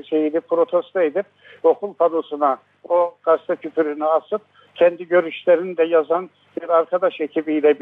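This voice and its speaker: Older guy calling in over a landline, fairly high voice for a man, tinny squeezed phone sound, slow halting talk with lots of pauses. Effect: speaking over a landline phone. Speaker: guest, father of a jailed lawyer. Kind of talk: phone-in interview on radio. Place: at home, on the phone. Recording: tinny narrow phone line.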